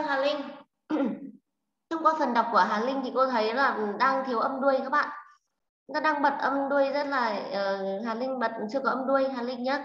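A woman with a Vietnamese accent teaching English to children in an online class, modelling words slowly and clearly for pupils to repeat. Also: high-pitched, fairly bright tone, echoey room, lo-fi sound.

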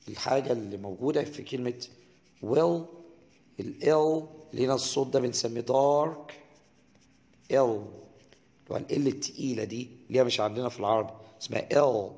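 Young Egyptian male teacher, patient and repetitive, gravelly tone, long reverb behind. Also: mid-range voice, a little mellow. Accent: Egyptian Arabic. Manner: explains slowly, repeats English words to drill pronunciation. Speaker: English teacher. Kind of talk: recorded English lesson.

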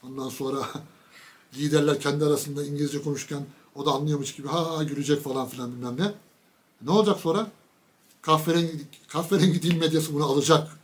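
A man's voice: a little high, steady tone, fast talker. Mocking man in a sarcastic monologue. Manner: mocking, sarcastic, emphatic, addresses viewers directly. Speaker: political commentator. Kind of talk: casual political commentary monologue.

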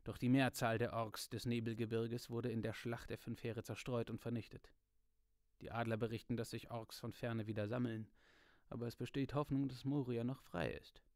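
A man reading aloud voices an old, wise male wizard, speaking in a measured, calm, slightly lowered voice. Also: no room sound, clean studio sound, close to an everyday voice. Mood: grave.

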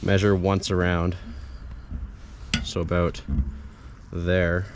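A DIY vlogger demonstrates an installation outdoors in a residential yard and driveway, narrating a casual hands-on how-to in hesitant, piecemeal phrases. His deep voice is completely flat and slow. Outdoor ambience and clear background noise are audible.

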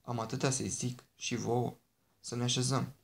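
A man's voice: medium pitch, little pitch movement, vocal fry, natural voice. A man reading as an eager teenage boy wizard.

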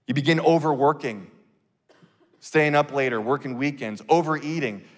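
A pastor in his thirties preaches a sermon from a church stage into a handheld mic, earnest and conversational, speaking in quick bursts with restarts. His voice sits on the high side, and a long reverb tail follows his words.

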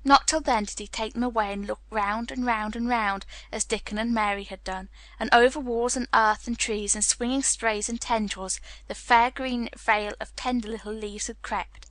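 Woman narrator for learner storybook, bright tone, dry close mic. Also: a little high, steady tone, normal speed, hardly any pauses, no echo.

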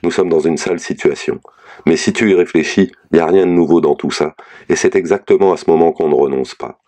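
A steadfast, no-nonsense mother, read by a man in a very deep, dark voice. Her words come forceful and colloquial, in a storybook reading. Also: fairly quick. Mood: urgent, firm. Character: mother, firm and steadfast woman.

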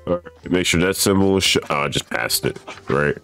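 A man's voice: low voice, a little fast, a bit bright, clean tone, faint music behind. A young man casually playing a horror game on stream, reading its instructions aloud, swearing and laughing nervously. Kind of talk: casual let's play commentary.

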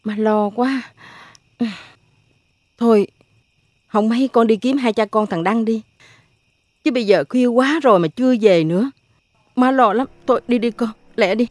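A fretful old Southern Vietnamese mother, as an actress plays her in a TV drama, anxious and superstitious. Her voice sits a little high but sounds mellow and dark. It is dry and close, with no room sound. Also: measured pace, pauses often, no room sound, close to an everyday voice. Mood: worried. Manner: fretful, pleading. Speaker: family matriarch.

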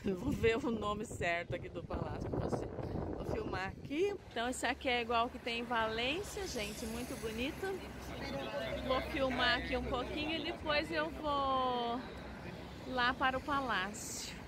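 A woman's voice: fairly high pitch, a little slow. A middle-aged Brazilian woman with a Brazilian Portuguese accent, chatting enthusiastically to her viewers in a casual travel vlog. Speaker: travel vlogger. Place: outdoors on city streets. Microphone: handheld camera at arm's length. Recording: street traffic noise behind.

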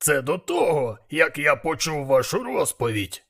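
A man's voice: on the high side, sing-song, measured pace, creaky, fairly bright tone, pitched above the performer's own voice, exaggerated voice. A man voicing a blunt, bossy male demon mentor in an audiobook, scolding and impatient. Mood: scheming. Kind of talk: audiobook character voice.

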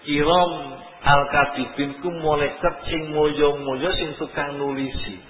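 An older man giving a lively sermon as an Islamic preacher, chuckling often. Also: fairly high pitch, slight background noise. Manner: animated, chuckling often, slow deliberate delivery. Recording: echoey lo-fi phone-like hall recording.

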